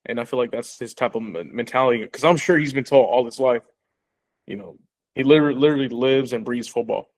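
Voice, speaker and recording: Halting, laughing man talking football. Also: mid-range voice. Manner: halting, repeats words, laughs often. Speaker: sports podcast co-host. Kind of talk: casual sports chat.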